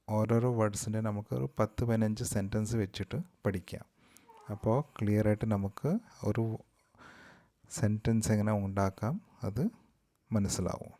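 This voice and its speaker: A man from Kerala with a Malayali accent, teaching a vocabulary lesson slowly and repeating each word twice. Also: lowish voice, mellow. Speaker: language teacher.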